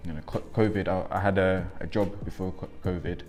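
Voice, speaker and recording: Deep-voiced young man, reflective. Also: steady tone, brisk, a little mellow. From Congo, raised in England. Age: 20s. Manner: reflective, frequent ums. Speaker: interviewee, young father. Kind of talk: documentary interview.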